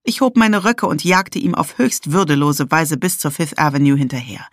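A woman reading a first-person audiobook in a lively, steady storytelling manner. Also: on the low side, normal speed, no echo, studio quality. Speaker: audiobook narrator.

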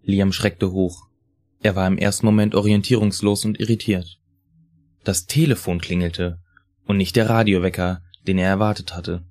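A man reading a story aloud in a calm, even way. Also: fairly low pitch. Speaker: reader. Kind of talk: scripted story narration.

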